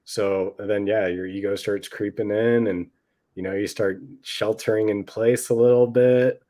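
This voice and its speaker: A man's voice: lowish voice, fairly even intonation, a little slow, dark tone. A man co-hosting a podcast in casual chat, laid-back and often calling his friend "dude" and "man". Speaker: podcast co-host.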